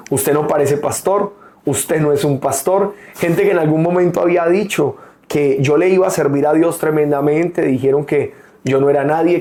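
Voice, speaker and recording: Earnest young male pastor, mellow voice. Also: on the high side. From Colombia. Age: young adult. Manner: earnest, personal testimony with frequent "eh" pauses. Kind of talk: sermon.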